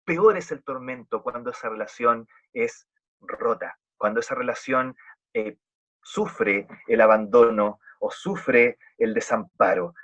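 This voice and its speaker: A male preacher with a Chilean accent delivers an earnest, emphatic sermon. His voice is husky and sits in a middle pitch, and he leans on dramatic pauses. The recording is dull and lo-fi. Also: fairly bright tone. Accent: Chilean Spanish.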